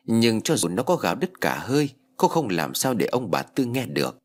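Expressive male audiobook narrator, husky, animated delivery. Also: fairly low pitch, moderate pace. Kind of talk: scripted story narration.

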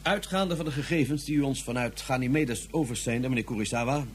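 A man acts the part of an officious police inspector in a radio drama, sounding bureaucratic and pompous. His mid-range voice moves fairly quickly and is close to an everyday voice, with a little hiss or hum in the recording.

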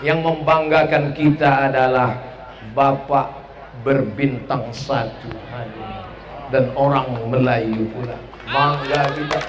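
A man gives a humorous public sermon at a large open-air gathering, often drawing call-and-response from the audience. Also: mid-range voice. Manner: jokey call-and-response with the crowd. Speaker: preacher. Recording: echoey PA sound with crowd noise.

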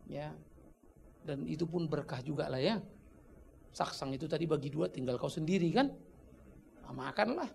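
A man preaching a conversational sermon as pastor, animated and joking, acting out little dialogues. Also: on the high side, moderate pace, creaky, long pauses, a little hiss or hum. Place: church.

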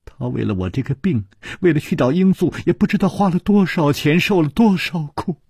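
A sorrowful ailing woman confesses in a hushed, breathy murmur, as a male storyteller puts her on. The voice is low and husky, sometimes nearly whispered. It sounds close and dry. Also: big pitch swings, measured pace, no echo, exaggerated voice. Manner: soft, low, breathy and subdued.

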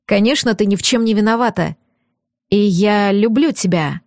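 A woman's voice: mid-range voice, normal speed, no echo, studio quality, close to an everyday voice. A woman reading an audiobook and voicing a stern, torn young aristocratic man with firm, clipped, bitter delivery. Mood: tender. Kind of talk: audiobook character voice.

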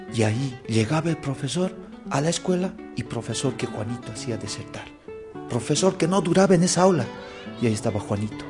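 Animated male storyteller. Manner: animated, jumps into high squeaky voices for characters. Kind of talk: oral storytelling of jokes.

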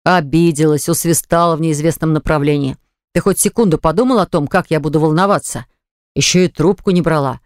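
A man voicing a hot-tempered young man in an audiobook, forceful and commanding. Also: on the high side, a little fast, no room sound, studio quality, close to an everyday voice. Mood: angry, demanding.

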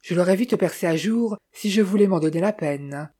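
A woman's voice: on the low side, moderate pace, mellow, natural voice. A woman voicing a boastful young male clerk who is easily shaken, speaking in a self-important way. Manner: self-important, turning sheepish.

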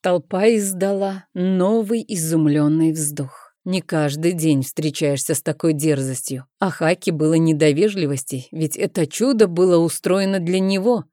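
A woman narrating an audiobook in a measured storytelling manner. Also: low-pitched, mellow, no echo, studio quality.

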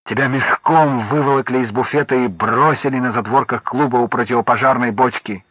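Brief: male reader as a young wife scolding her husband, husky voice, reproachful and bitter. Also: mid-range voice, fairly even intonation, fairly quick, no echo, lightly acted. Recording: dull lo-fi audiobook recording.

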